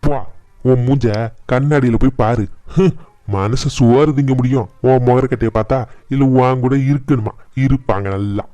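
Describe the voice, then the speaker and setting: A man's voice: medium pitch, normal speed, warm tone, no room sound, lo-fi sound, soft background music, natural voice. A man playing a blunt, middle-aged Tamil father who grumbles at and mocks his wife in a cartoon family drama. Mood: taunting, exasperated. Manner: grumbling, taunting. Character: exasperated middle-aged father, blunt, mocking henpecked husband.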